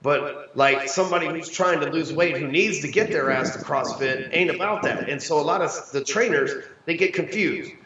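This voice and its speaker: A man's voice: a little high, moderate pace, few pauses, a bit bright, a little hiss or hum. A man from the United States talking casually as an interview guest, brash, slangy and full of swearing. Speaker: sales coach, interview guest. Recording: roomy, distant, slightly dull microphone.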